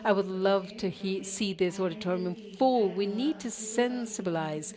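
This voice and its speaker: A woman interpreting a conference panel live, halting, with cut-off words and restarts. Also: mid-range voice, crowd noise. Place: conference auditorium.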